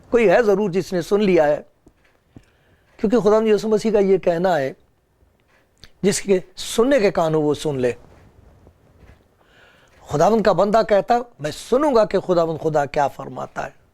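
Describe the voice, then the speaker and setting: A man's voice: sits high, darkish tone. A man preaching a sermon on a religious program, earnest and pleading, with rising and falling emphasis.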